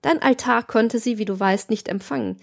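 A depraved young nobleman lectures with cold, lofty calm, as a woman reads him aloud. His voice sits a little high and keeps an even audiobook delivery. He sounds scheming and self-assured. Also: moderate pace, gravelly. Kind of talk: audiobook reading.

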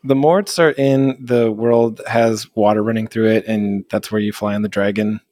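A man's voice: on the low side, steady tone, moderate pace, darkish tone, dry recording. A man co-hosting a casual gaming podcast, dry and teasing, often laughing. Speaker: podcast co-host. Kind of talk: casual chat.

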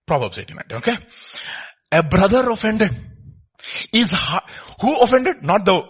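A man's voice: high-pitched, very animated, normal speed, fairly bright tone, slightly rough. A man with an Indian accent preaching informally, repeating short phrases and putting rhetorical questions to his listeners.

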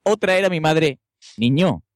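Casting: man, lively co-host, mid pitch, dry close-miked voice. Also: fairly quick, dry recording. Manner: animated storyteller, keeps asking ¿vale?. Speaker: podcast co-host. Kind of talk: casual chat.

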